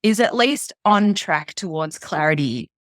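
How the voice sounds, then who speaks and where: A woman hosting an interview, summing up and asking thoughtful, measured questions. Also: fairly low pitch, lively intonation, no room sound, clean studio sound. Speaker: podcast host.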